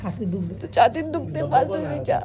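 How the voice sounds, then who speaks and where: A woman's voice: fairly low pitch, very animated, unhurried. A woman with a Marathi Koli accent, chatting and teasing as she films a wedding vlog. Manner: chatty, teasing, talks to camera. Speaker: vlogger. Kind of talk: casual vlog chat. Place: outdoors at a busy wedding. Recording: noisy crowd around.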